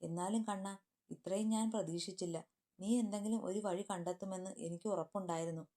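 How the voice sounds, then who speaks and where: A woman's voice: mid-range voice, fairly even intonation, a little fast, warm tone, natural voice. A woman voicing a young man, an impressed and pressing friend, speaking in raised tones.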